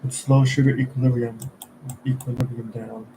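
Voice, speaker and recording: A man's voice: medium pitch, level tone, moderate pace, noisy background. Man muttering through study questions. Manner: muttering, quizzing himself, trailing off unsure. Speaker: student studying for an exam. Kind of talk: thinking aloud while studying.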